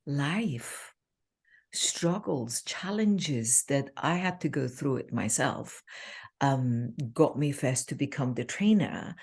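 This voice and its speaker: A woman in her fifties from Iran, a relationship coach, talking casually on a video call with many pauses and fillers. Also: very deep voice, darkish tone, breathy edge. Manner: halting, many fillers, laughs easily. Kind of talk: casual interview chat.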